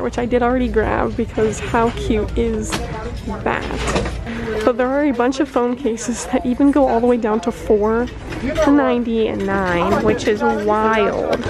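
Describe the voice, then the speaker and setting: Holding a phone camera, a young woman vlogs her walk through an indoor outlet store, her fairly high-pitched voice chatting casually as she gushes over items and reads out their prices. Background music plays in the store throughout the shopping walkthrough.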